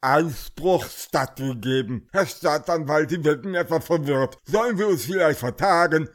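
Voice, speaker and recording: A weary, stern judge from an audio story, as a man puts him on. He speaks formally and slowly, with a voice that rises and falls. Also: a little high, animated, pitched above the performer's own voice, lightly acted. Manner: formal, measured.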